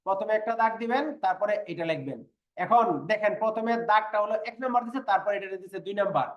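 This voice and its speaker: Male teacher, higher voice, patient step-by-step explanations, roomy echo. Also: highs cut off. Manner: patient, repeats sounds and asks if students follow. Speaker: Korean language teacher. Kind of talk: online class lecture.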